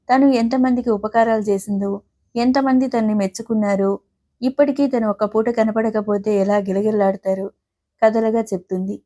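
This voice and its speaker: Mellow-voiced woman narrating a story. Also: fairly high pitch. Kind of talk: audiobook narration of a novel.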